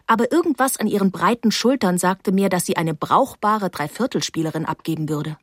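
A woman reading a first-person story aloud in a wry, even storytelling manner. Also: medium pitch, brisk, breathy edge, no echo, studio quality. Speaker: audiobook narrator. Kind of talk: scripted first-person narration.

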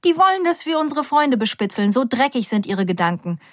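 A woman's voice: sits high, very animated, a little fast, dry recording, pitched above the performer's own voice. A woman voicing a proud, defiant young woman student who talks urgently and outspokenly, in a dry, close recording. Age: young adult.

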